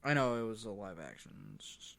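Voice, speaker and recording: Halting man co-hosting a podcast. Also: lowish voice, big pitch swings, a bit bright. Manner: halting, interrupts with ideas. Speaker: podcast co-host. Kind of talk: casual podcast chat.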